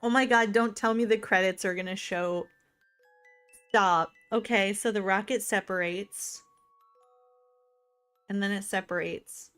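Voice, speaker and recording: A woman streamer giving excitable, gushing let's-play commentary, full of "like" fillers. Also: medium pitch, a little slow, long pauses, clean tone, soft background music. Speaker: gaming streamer.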